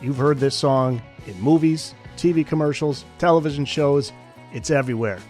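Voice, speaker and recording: A man hosting a podcast, reading a lively scripted intro and then interviewing his guest. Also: a little high, normal speed, faint music behind. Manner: upbeat announcer-style delivery. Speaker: podcast host.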